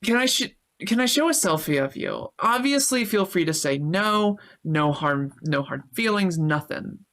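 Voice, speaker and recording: This woman streams live on Twitch, her fairly low, slightly bright voice animated and measured with few pauses. She keeps the talk loose, reading chat messages, thanking viewers, and cursing without restraint.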